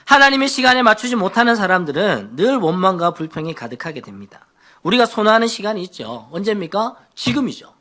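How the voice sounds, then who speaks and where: A man's voice: high-pitched, big pitch swings, fast talker, pushed and bright. A male pastor preaching a sermon. He poses rhetorical questions to the congregation, answers them himself, and now and then acts out churchgoers' prayers in a playful voice.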